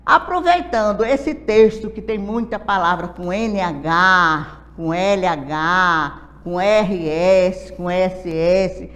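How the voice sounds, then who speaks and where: Slow, patient Brazilian woman teacher. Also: fairly high pitch, a bit bright, in a large hall. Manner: patient, explains step by step with check-in questions. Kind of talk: adult literacy lesson.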